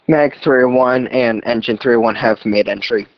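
A man's voice: mid-range voice, fairly even intonation, moderate pace, slight background noise. A male medic giving terse, procedural reports over a two-way emergency radio. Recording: dull lo-fi radio transmission.

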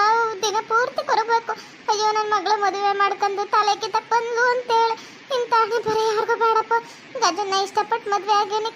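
A woman's voice: very high voice, fairly bright tone, slight background noise, rough recording. A woman voicing a tearful young newlywed village bride in a cartoon, with a North Karnataka accent and a weepy, pleading way of talking. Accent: North Karnataka Kannada.

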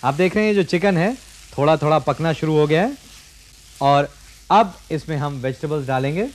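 A man's voice: a little high, expressive, moderate pace. A man in his forties hosting a televised cooking demonstration in a studio kitchen, explaining each step directly to viewers. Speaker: TV cooking show host.

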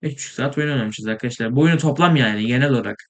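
Tired, excitable young man gaming. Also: mid-range voice, rapid-fire. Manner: rambling, excitable, swears in frustration, trails off into mumbling. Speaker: gaming video host. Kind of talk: casual gameplay commentary.

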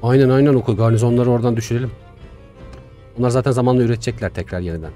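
A young man giving casual, chatty commentary while playing a strategy game, talking to himself with excitable swings. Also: mid-range voice, racing. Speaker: gaming YouTuber. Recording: faint music behind.

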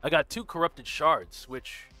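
Congested from a cold and clearing his throat from time to time, a gamer streamer speaks with a bright, forceful, fairly high-pitched voice. His live play-by-play is casual and friendly: he calls out chat viewers by name and explains the details of his build.

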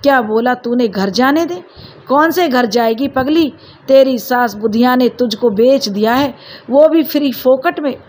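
A woman's voice: high-pitched, measured pace, a little mellow, slight background noise. A woman voicing a scheming older village woman who is harsh and greedy, talking in a coarse, scolding way. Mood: mocking.

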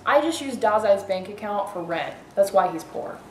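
A woman's voice: medium pitch, animated, normal speed, darkish tone, a little hiss or hum. A young woman cosplaying in an improvised comedy skit, dry and teasing. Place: indoors at home. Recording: echoey room with music.

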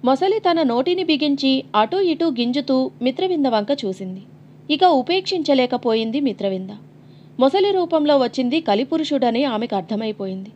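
A woman with a high voice narrates a novel for an audiobook. She tells it dramatically and expressively, and the recording sounds slightly dull and lo-fi. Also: lively intonation, moderate pace, a little mellow, a little hiss or hum.

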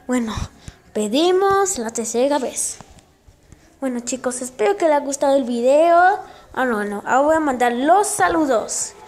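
A woman giving casual gameplay commentary for her channel, excitable and yelping often, with direct shout-outs to viewers. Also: sits high, normal speed. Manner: excitable, with frequent yelps and exclamations. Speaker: gaming channel host.

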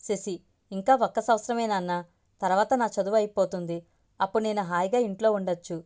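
A woman's voice: mid-range voice, fairly even intonation, quick pace, warm tone, close to an everyday voice. A woman voicing a playful young college girl who teases her parents, read in an audiobook story. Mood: excited.

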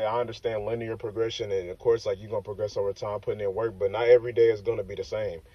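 A young fitness vlogger sits in a parked car, talking casually to the phone on his dashboard. He rambles loosely and keeps coming back to "like I said" and "you know what I'm saying." His voice is lowish, and the phone audio is dry, dull and slightly distant.

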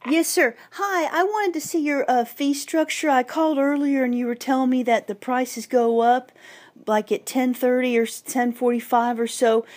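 A woman filming herself on a handheld phone outdoors in a parking lot, politely but persistently pressing for clear answers. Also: sits high, fairly even intonation, moderate pace, a little mellow. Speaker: towing victim filming her ordeal. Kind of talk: handheld phone vlog and phone call. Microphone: phone camera held in hand.

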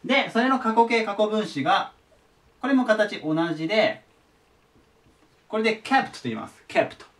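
Male tutor, patient, repeats forms, very animated pitch, a bit off-mic. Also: measured pace, long pauses, distant mic. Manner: patient, repeats each word form. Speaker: teacher. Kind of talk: explaining English vocabulary to students.

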